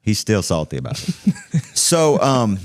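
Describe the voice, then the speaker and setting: Deep-voiced man hosting, lively pitch. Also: measured pace, no echo, clean studio sound. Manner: affirming, chatty, keeps saying "yeah". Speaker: podcast host. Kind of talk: casual interview talk. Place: recording studio.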